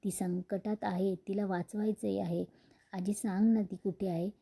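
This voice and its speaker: A woman's voice: mid-range voice, flat delivery, a little slow, gravelly, warm tone, slightly rough. A woman voicing an anxious young woman who pleads for her sister. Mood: pleading.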